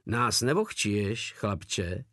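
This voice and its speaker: A man's voice: on the low side, animated, a bit bright, dry recording, clean studio sound. A man voicing a cocky male veteran soldier who makes crude threats. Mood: threatening.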